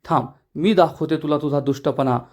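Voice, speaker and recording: A man voicing an angry young wife, commanding, scolding, slightly high voice. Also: moderate pace, close to an everyday voice. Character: angry scheming young wife, sharp-tongued woman.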